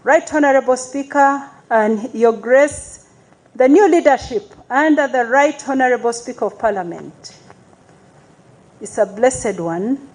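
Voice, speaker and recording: A woman, an Anglican chaplain giving a formal, measured address to a congregation, with call-and-response praise. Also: high voice, a little mellow, poor audio. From Uganda.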